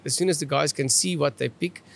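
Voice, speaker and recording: A man's voice: fairly high pitch, fairly quick, gravelly, fairly bright tone. A man from South Africa with an Afrikaans accent, answering conversationally as a viticulturist guest and often repeating words as he feels his way along.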